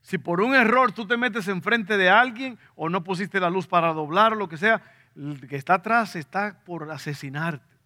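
A pastor with a Dominican Spanish accent preaches a sermon to his congregation in a high-pitched, sharp voice at normal speed. He repeats his key points and puts questions to the listeners.

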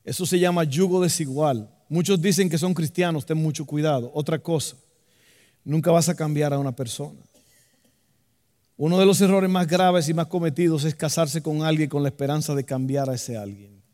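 A man preaching a lively sermon as pastor, acting out voices and joking with the congregation. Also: on the high side, moderate pace, long reverb tail.

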